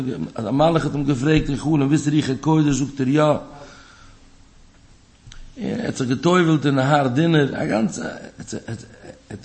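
A man giving a spoken religious lesson, emphatic, repeating his key words as his pitch rises and drops sharply. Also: a little mellow. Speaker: religious teacher. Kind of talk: spoken Torah talk.

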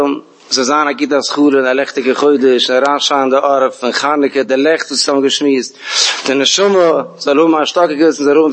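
A man telling a folk tale in an animated way, often repeating words and voicing the figures' lines himself. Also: a little high.

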